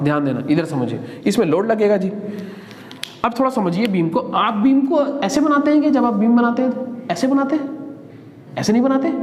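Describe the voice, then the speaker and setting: High-voiced man teaching in an echoey classroom. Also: a little mellow, lo-fi sound. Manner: talks to students, asking and answering his own questions. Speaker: engineering teacher. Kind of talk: classroom lecture. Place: classroom with a board. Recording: echoey classroom with long reverb, faint noise.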